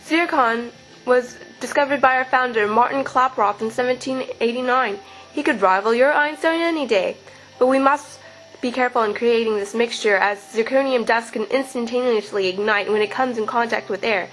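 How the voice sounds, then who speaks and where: An earnest, brainy alien woman in a campy adventure serial, played by a woman. She reels off pseudo-science in a dramatic tone, her voice on the higher side with faint music underneath. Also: moderate pace, fairly bright tone, natural voice, low-quality recording. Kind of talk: campy radio-serial acting.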